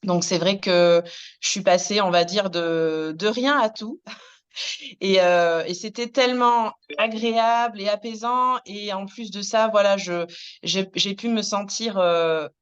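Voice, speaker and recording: A woman in her thirties, a hairdresser, recounting her career in a hesitant interview, with many pauses and restarts. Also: mid-range voice, clean tone, lo-fi sound. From France. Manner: many fillers and restarts, soft laughs. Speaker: hairdresser and business founder, interviewee. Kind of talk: hesitant personal storytelling.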